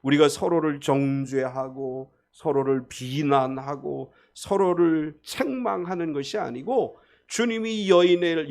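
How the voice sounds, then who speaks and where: Lively gravelly-voiced male pastor preaching. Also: high-pitched. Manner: preaching expressively, acting out quoted speakers. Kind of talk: sermon.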